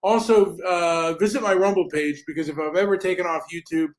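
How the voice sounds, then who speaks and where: A man's voice: sits high, fairly even intonation, brisk. A man hosting his podcast in casual chat, stammering and repeating words when pressed. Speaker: podcast host.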